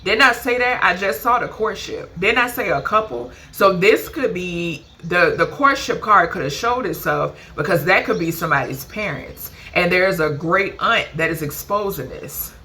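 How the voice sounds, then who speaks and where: A woman's voice: on the low side, lively intonation, moderate pace, hardly any pauses, sharp tone. A woman giving a casual channeled card reading to her viewers, chatty and emphatic, ending nearly every phrase with a questioning "okay?". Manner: emphatic, swears casually, calls viewers "baby" and "honey". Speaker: spiritual card reader.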